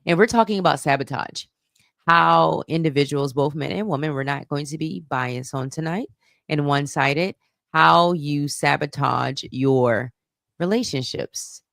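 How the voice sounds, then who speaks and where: A woman's voice: sits low, measured pace, gravelly, fairly bright tone, no echo, studio quality. A woman co-hosting a relationship podcast in a casual, playful chat, laughing often. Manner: laughs often, playful, self-described radio voice. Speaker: podcast co-host.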